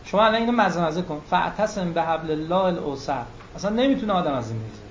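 A man preaching a religious lecture in an animated way, drawing out words for emphasis. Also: a little high. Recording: muffled lo-fi recording with faint room noise.

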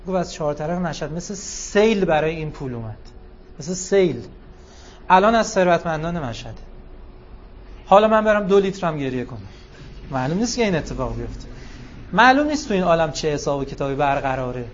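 A man giving a sermon, telling stories with animated, rising emphasis. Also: fairly high pitch, dull audio, slight background noise. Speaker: religious speaker. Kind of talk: sermon with storytelling.

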